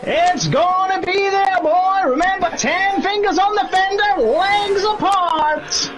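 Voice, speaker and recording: A man voicing a loud, brash, bossy American sheriff with a put-on Southern accent, commentating on races in a shouty, folksy way. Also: extremely high pitch, slow pace. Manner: shouty, folksy, bombastic drawl. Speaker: guest race commentator. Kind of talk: in-character sim racing commentary.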